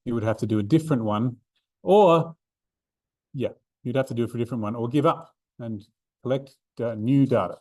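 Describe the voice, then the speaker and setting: A man's voice: mid-range voice, brisk, darkish tone, no echo. A man giving a revision seminar to statistics students, talking casually with many ums and restarts. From Australia. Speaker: maths tutor. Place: university classroom.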